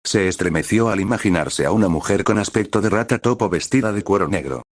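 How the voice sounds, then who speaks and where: A man narrating a fan fiction story in a steady, expressive reading. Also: low voice, a little fast, no echo, clean studio sound.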